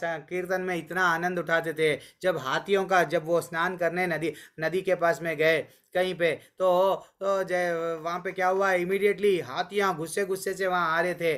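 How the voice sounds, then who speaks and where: A man teaching a scripture class online, telling stories and slowly chanting verses. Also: a little high, a bit bright. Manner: storytelling, voices quotes of deities and sages. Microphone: online call.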